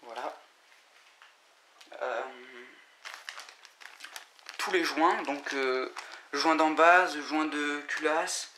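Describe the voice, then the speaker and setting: A man giving a casual, halting unboxing commentary, full of fillers and restarts. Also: fairly high pitch. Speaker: vlogger unboxing scooter parts. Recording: echoey room with loud noise and crinkling.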